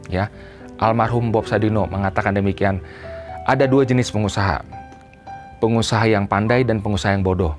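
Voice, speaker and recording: Emphatic preaching man, faint music. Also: medium pitch. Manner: emphatic, builds to loud repeated cries; addresses the congregation directly, casual asides. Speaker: pastor. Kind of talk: sermon. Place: church service.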